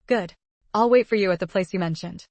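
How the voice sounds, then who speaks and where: Wry, teasing young heroine, mid pitch, voiced by a woman reader, close dry sound. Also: brisk, darkish tone, no room sound, dull audio, lightly acted. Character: sharp-tongued young woman disguised as a boy.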